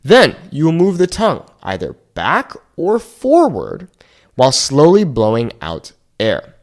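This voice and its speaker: A man's voice: on the high side, huge pitch swings, a little slow. A man teaching casually to viewers, explaining things step by step in an encouraging way. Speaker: Spanish teacher and video host. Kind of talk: casual instructional talk to viewers.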